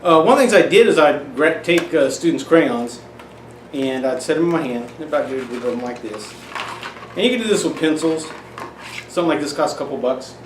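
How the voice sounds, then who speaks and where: A man's voice: fairly high pitch, lively intonation, fairly quick. A middle-aged man giving parents casual, folksy tips on teaching children numbers, often restarting his phrases. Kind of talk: casual instructional demonstration. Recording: roomy echo, off-mic, faint hiss.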